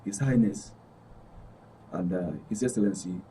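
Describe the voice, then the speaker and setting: A Nigerian-accented man appears as a studio guest and club member in a radio and TV studio, speaking emphatically and repetitively as if pleading his case in an impassioned interview. His fairly low, warm voice moves a little slowly. A distant microphone picks him up with slight background noise.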